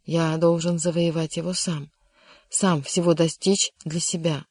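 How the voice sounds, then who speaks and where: Brief: reader as a heartsick young noble, earnest and bitter, dark mellow tone, dry. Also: medium pitch, flat delivery, measured pace, breathy edge, dry recording. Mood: melancholy. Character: melancholy lovesick young nobleman. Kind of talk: audiobook character reading.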